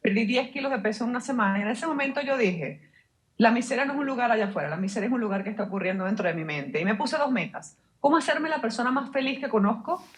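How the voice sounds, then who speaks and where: Speaking fast in a fairly high, animated voice, a mindset mentor from Venezuela explains her thinking as an interview guest. She's fluent and forceful, leaning heavily on rhetorical questions.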